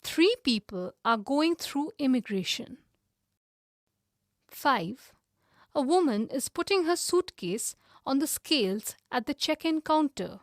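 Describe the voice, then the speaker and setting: A woman reads numbered textbook sentences slowly and clearly. Her voice sits high, and the recording is dry and close. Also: sing-song, no room sound. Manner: clear, evenly paced reading. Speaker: reader of exercise items. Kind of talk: scripted textbook reading.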